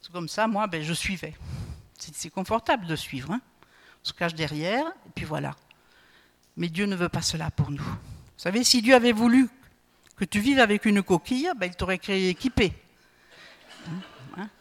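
A woman's voice: medium pitch, expressive, normal speed, long pauses. A woman preaching a sermon in a chatty way, often checking in with her listeners with a questioning "hmm?" and stumbling over repeated words. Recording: long hall reverb.

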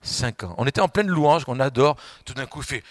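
A man preaching a sermon, swinging between loud emphatic outbursts and quiet asides and putting questions straight to the congregation. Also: medium pitch, lively intonation, a little fast, no echo. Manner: addresses the congregation directly with questions.

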